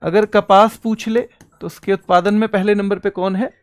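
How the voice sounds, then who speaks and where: A man's voice: high-pitched, fairly even intonation, moderate pace, no room sound. A male exam coaching teacher giving an online exam-prep lecture, quizzing students and answering his own questions. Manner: quizzing students, calling them beta and bhaiya.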